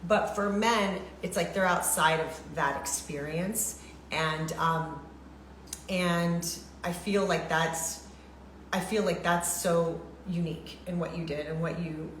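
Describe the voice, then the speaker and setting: Chatty woman with a lowish voice, echoey room. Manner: chatty, lots of fillers and repeats. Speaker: show host. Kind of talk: casual livestream chat. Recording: echoey room with faint noise.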